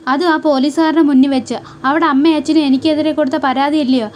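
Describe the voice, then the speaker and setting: A woman's voice: high voice, fairly even intonation, fast talker, a little hiss or hum, lightly acted. A woman voicing a playful older brother who teases and lectures his younger brother about love. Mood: teasing. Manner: teasing, lecturing.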